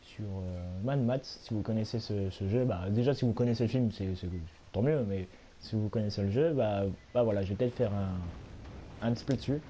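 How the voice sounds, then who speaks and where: A hoarse young man, a little sick, giving rambling, self-mocking commentary while he plays a video game at home. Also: on the low side, moderate pace, warm tone, slight background noise. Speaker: gaming YouTuber. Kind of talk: casual let's-play commentary.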